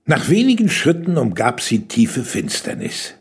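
A man reading a children's story aloud as the narrator, in an expressive way. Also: medium pitch, measured pace, slightly rough. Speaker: audiobook narrator.

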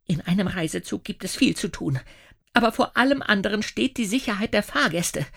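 Guy doing a high shrill lady conductor, weepy and huffy, gravelly edge. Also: expressive, a little fast, a bit bright, heavily acted. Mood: indignant. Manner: sobbing then snapping indignantly. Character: tearful, indignant middle-aged woman train conductor.

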